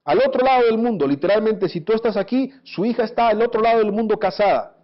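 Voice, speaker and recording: A pastor preaching a sermon, animated, asking his listeners rhetorical questions. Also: high voice, quick pace. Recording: dull lo-fi recording.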